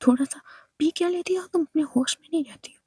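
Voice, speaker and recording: A woman's voice: high-pitched, quick pace, warm tone, no room sound, clean studio sound, natural voice. A woman voicing a strict woman doctor who scolds and gives commands, in a whispered role-play. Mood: threatening.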